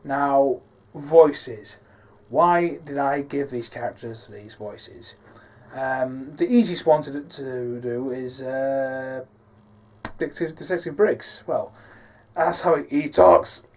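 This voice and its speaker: A man's voice: mid-range voice, slow, darkish tone. A man talking casually about his films, rambling and hesitant, with many fillers. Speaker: filmmaker. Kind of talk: casual behind-the-scenes talk.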